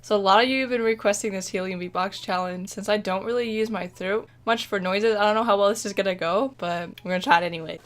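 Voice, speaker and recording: A woman's voice: medium pitch, fairly even intonation, quick pace, few pauses, over music. A woman hosting a video, chatting casually and informally to her viewers. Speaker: beatboxer, video host.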